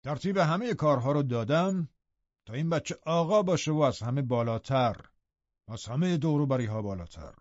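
A man's voice: fairly high pitch, lively intonation, no room sound, highs cut off, natural voice. A man voicing a harsh, scornful middle-aged landowner in an audiobook, speaking in a cold, contemptuous, boastful way. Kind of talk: audiobook character reading.

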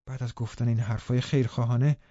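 A man's voice: mid-range voice, fairly even intonation, warm tone, no echo, dull audio. A man narrating a classic novel in first person as an audiobook, reading expressively and dramatically.

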